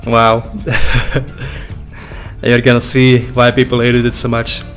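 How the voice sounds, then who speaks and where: In this reaction commentary, a young YouTuber with a Dutch-speaking Belgian accent laughs and jokes profanely about his old videos. His mid-range voice is fairly bright but completely flat, and he speaks slowly. Soft background music plays; he uses a desk boom mic and headphones in a small room.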